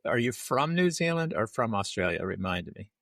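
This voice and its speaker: A man's voice: on the low side, big pitch swings, moderate pace, gravelly, a bit bright, no echo, clean studio sound. A man hosting an interview podcast, talking casually and conversationally with small restarts. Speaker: podcast host.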